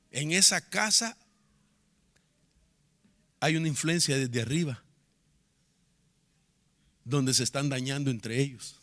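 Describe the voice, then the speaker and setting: A man preaching a sermon as pastor, with sharp emphasis, pushing his voice up and dropping it low for effect, and getting the congregation to repeat words after him.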